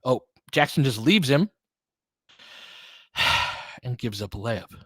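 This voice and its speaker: Speaking slowly but with plenty of animation, this man has a medium-pitched voice that's a bit bright and slightly rough. As a fan doing basketball play-by-play, he blends calls of the action with conversational, opinionated takes and coaching shouted at the players. No room sound is audible.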